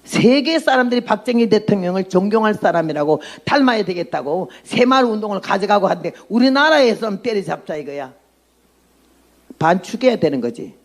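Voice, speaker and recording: A woman's voice: mid-range voice, expressive, fairly quick. An outspoken woman in her eighties preaching a testimony sermon as a missionary, blunt and emphatic. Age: 80s.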